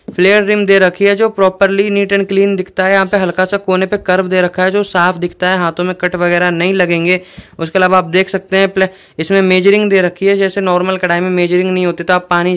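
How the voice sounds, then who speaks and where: A man's voice: sits high, fairly bright tone, clear, resonant tone. A man doing a casual unboxing review, chatting to viewers and explaining each step plainly. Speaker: product reviewer.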